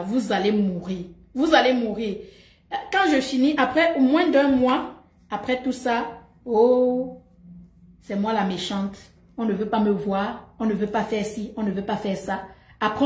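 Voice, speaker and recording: A middle-aged woman talks to her live audience in an animated, emphatic way, repeating herself and laughing often. Her voice sits a little high for a woman. The room gives it a noticeable echo. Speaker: live streamer. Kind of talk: animated gossip monologue. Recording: roomy echo.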